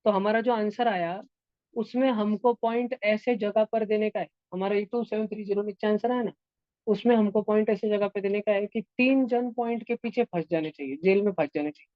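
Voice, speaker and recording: A man's voice: high-pitched, no echo, highs cut off. A man teaching a math lesson to a class, patiently repeating each step and checking that the students follow.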